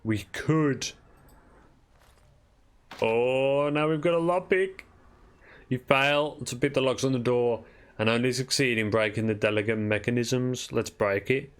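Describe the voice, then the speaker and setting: A man commenting casually and slowly on his gameplay as a let's play host, musing and joking. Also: medium pitch, clean tone. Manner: slow, musing, jokey.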